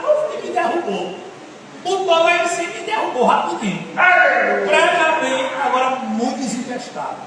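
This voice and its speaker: A male pastor giving a sermon in a folksy, joking, animated way, recorded from a distance in a church hall. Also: very high-pitched. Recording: echoey hall from far off, faint noise.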